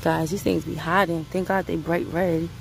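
Picking peppers in a sunny garden on phone footage, a homestead vlogger from Brooklyn, New York City, chats casually, calling her audience "guys." She speaks in a lowish, gravelly voice with little pitch movement at a moderate pace, and the rough recording has a little hiss or hum.

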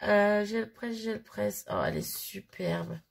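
Woman in her 30s, rambly unboxing chat, bit of a stuffy nose, gravelly and husky. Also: medium pitch, steady tone, takes it slowly. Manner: chatty, rambling, giggly, sniffles now and then. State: sniffly. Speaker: crafting vlogger.

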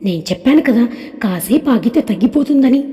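A cheerful male doctor, put on by a woman narrator in an audio story. He teases his friend in an easygoing way and reassures calmly. His voice sits slightly high and mellow, with a long reverb. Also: a little fast, lightly acted. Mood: reassuring.

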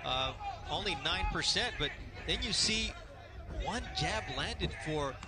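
A man's voice: high-pitched, animated, takes it slowly. A man calling a boxing match live as the play-by-play commentator.

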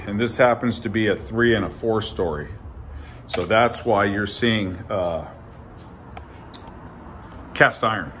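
A man's voice: lowish voice, a bit bright, a little hiss or hum. A man giving a casual walkthrough of an unfinished framed building, talking straight to his viewers in a folksy, repetitive way while filming on a phone. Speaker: construction walkthrough guide. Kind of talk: casual filmed site walkthrough.

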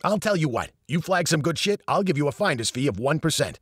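A man's voice: big pitch swings, a little fast, breathy edge, dry recording, studio quality. A man voicing a greedy, sleazy heavyset male gold dealer with a New York accent, pushing a hard bargain. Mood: scheming. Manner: pushy sales-pitch bargaining.

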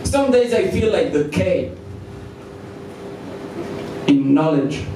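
A young man performing deadpan one-liners on a comedy club stage into a handheld mic, pausing before each punchline. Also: a little high, very noisy. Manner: deadpan, slow deliberate pauses before punchlines. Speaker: stand-up comedian. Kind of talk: live stand-up one-liners. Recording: roomy distant club sound with loud crowd.

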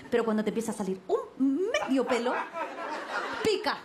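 A young Chilean woman doing a stand-up comedy set on stage, brash and slangy, swinging her pitch for quoted voices. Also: big pitch swings, normal speed. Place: stage before a live audience. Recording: noisy live TV stage with crowd. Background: crowd laughter.

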